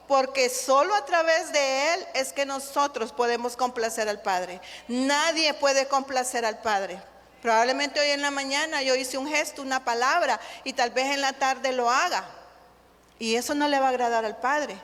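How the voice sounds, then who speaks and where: A woman's voice: sits high, a bit bright. A woman with a Honduran accent, preaching a sermon to her congregation in an earnest, emphatic way and calling them brothers. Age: adult, married with a child. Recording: long hall reverb.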